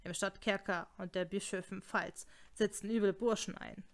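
A woman's voice: medium pitch, fairly even intonation, normal speed, close to an everyday voice. A woman reading a smirking, leering bailiff. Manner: smirking, mock-servile. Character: huge, leering town bailiff, mocking. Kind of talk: audiobook reading.

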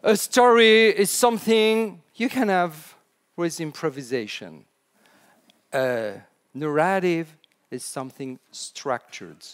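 A French conference speaker delivers a keynote on storytelling from a large indoor stage, talking slowly in a clear, fairly high voice. He's animated and chatty, laughs at his own jokes and makes some hesitant restarts.

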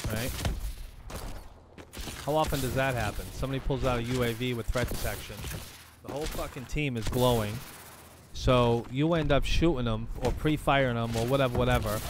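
Profane, ranting man over loud game gunfire. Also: mid-range voice, very noisy. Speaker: gaming video creator. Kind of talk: gameplay commentary rant. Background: game gunfire and clicks.

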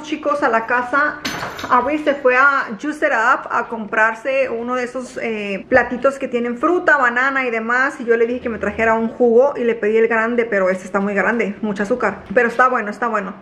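A woman's voice: on the high side, a bit bright, a little hiss or hum. A woman, chatting casually to her viewers in a home vlog. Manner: chatty, addresses viewers as chicos, frequent fillers. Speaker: vlogger. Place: home and car.

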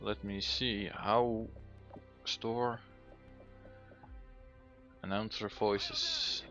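Guy doing laid-out casual game commentary, sharp bright voice, music behind him. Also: fairly low pitch, flat delivery, drawn-out words. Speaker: gaming host. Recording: dull, band-limited mic over music.

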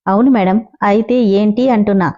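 A woman voicing a confident, scheming young man who talks in a calm, teasing way. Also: mid-range voice, brisk, dull audio, close to an everyday voice. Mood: cocky. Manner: calm, teasing, self-assured.

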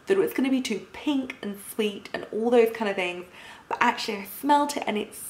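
A woman's voice: on the high side, animated, a little fast, reverberant. A woman reviewing a perfume in a casual vlog, bubbly and gushing, laughing often as she talks.

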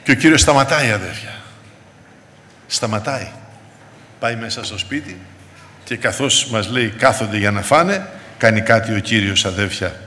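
A man's voice: fairly low pitch, animated, pauses often, pushed and bright. A man preaching a sermon with fervor, calling out to his congregation as brothers and sisters. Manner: fervent, repeatedly addressing the congregation as brothers. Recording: reverberant hall with faint background noise.

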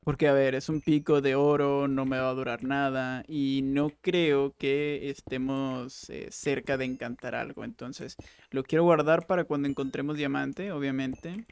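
A young man giving casual, jokey Minecraft let's play commentary, with bursts of excited exclaiming. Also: mid-range voice, unhurried, vocal fry, clean tone. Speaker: gaming YouTuber.

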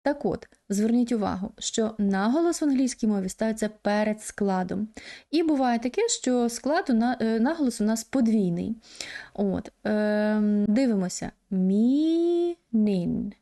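Female english tutor, fairly high mellow voice, patient explainer. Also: expressive, moderate pace. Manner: patient, explanatory, frequent hesitation sounds. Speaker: English teacher. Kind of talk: explaining an online language lesson.

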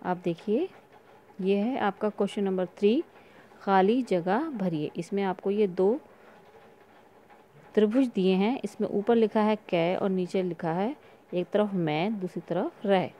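A woman teacher leads a recorded lesson for young pupils. Her voice is mellow and unhurried. She reads each word slowly and plainly so the children can follow along. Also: medium pitch, slight background noise. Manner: slow, clear word-by-word reading for young children. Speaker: school teacher. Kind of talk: recorded online class lesson.

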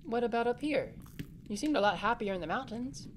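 In a family audio drama, a woman plays a young boy who is a protective, caring and capable big brother, speaking earnestly and reassuringly with a gently probing mood. Her voice is fairly high, animated and fairly quick, close to an everyday voice, with a little hiss or hum.

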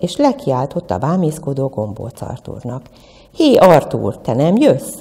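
A woman's voice: a bass voice, dark tone, in a large hall. A woman, a museum educator, telling a children's story expressively. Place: museum room.

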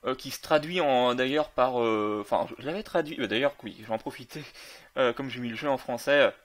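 A man's voice: mid-range voice, a little fast. A man casually commenting on a video game while playing, with many fillers and self-corrections. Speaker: gaming video creator.

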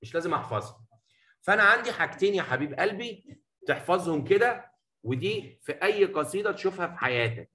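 A man with an Egyptian Arabic accent teaching a poetry lesson in a classroom, talking affectionately to his students and mixing Arabic with slowly read English lines. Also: high voice, lively intonation, sharp tone, echoey room, poor audio. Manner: affectionate, addresses students as "habibi" and "baba"; mixes Arabic explanation with slow English reading.

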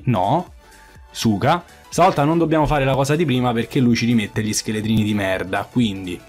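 A man commenting on his own mobile game match, swearing often and repeating phrases in frustration. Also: medium pitch. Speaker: gaming YouTuber. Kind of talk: live gameplay commentary.

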